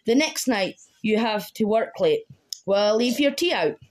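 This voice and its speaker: A woman's voice: a little high, animated, moderate pace, a little mellow. Woman reading a poem. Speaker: guest poet. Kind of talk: reading her own poem aloud.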